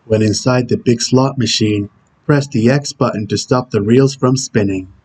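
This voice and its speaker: Husky, stern, brooding game antihero played by a man, medium pitch, delivering terse tutorial instructions. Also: moderate pace, darkish tone, natural voice. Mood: stern, instructional. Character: Shadow, brooding male video game antihero giving tutorial hints. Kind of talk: character impression reading game tutorial instructions.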